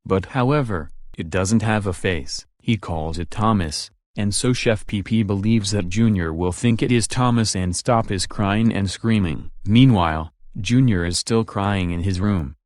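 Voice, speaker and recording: Brief: young man doing a put-on ranting character voice, lowish, recap of a video he dislikes. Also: measured pace, hardly any pauses, darkish tone, no echo, close to an everyday voice. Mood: annoyed. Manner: puts on a character voice he calls his rant voice. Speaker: video reviewer.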